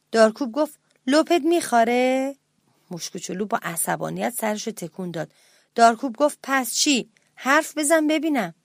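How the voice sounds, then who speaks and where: A woman narrating a children's story gently and speaking to the children directly with questions. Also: fairly high pitch, dry recording, studio quality.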